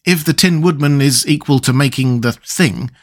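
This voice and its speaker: A man's voice: mid-range voice, normal speed, close to an everyday voice. A man voicing an eager young boy in a storybook, plain and earnest.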